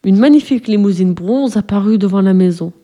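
Woman reading a kids' story aloud, mellow warm voice, calm and even. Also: mid-range voice, fairly quick. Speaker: narrator. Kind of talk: scripted storybook narration.

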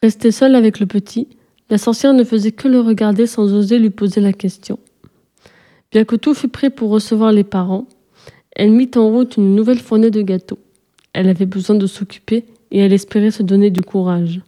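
A woman calmly narrating a fairy tale as a storyteller. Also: medium pitch, brisk.

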